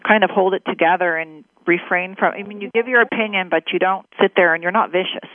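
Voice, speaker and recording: A woman's voice: on the low side, steady tone, fast talker, no room sound. Enthusiastic woman radio host, phone-like sound. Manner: enthusiastic, friendly. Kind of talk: casual interview talk.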